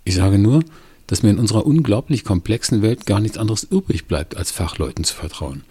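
A man voicing a calm, reasoning neighbor who explains patiently with mild irony, in a low, husky voice. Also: brisk. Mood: ironic. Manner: patient, explaining, mildly ironic. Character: calm, reasoning middle-aged male neighbor.

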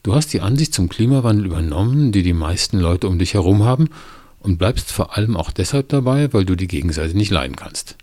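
A man voicing a calm, reasoning neighbor who explains patiently with mild irony, in a low, husky voice. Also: a little fast, no echo. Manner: patient, explaining, mildly ironic. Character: calm, reasoning middle-aged male neighbor.

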